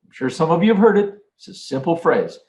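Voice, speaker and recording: A man's voice: a little high, big pitch swings, fairly quick, darkish tone, echoey room, low-quality recording. An older man giving an earnest leadership talk, telling stories and acting out quotes. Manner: earnest, storytelling with acted quotes. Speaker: leadership trainer. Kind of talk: motivational talk.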